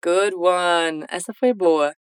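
A woman giving a scripted English lesson, modeling phrases slowly and encouraging the listener to repeat. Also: on the low side, smooth, dry recording. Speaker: English teacher.

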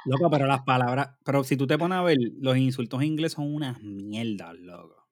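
A man's voice: medium pitch, dry recording, studio quality. A man in his thirties with a Puerto Rican accent, co-hosting a podcast in casual, profane banter. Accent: Puerto Rican Spanish. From Puerto Rico. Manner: profane, emphatic, quick banter. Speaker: podcast co-host. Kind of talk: casual chat.

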